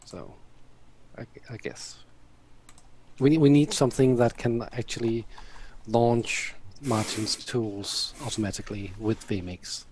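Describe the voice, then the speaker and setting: A man on a casual panel chat, talking in a hesitant, thoughtful, halting way. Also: mid-range voice, darkish tone, slight background noise. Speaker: show panelist.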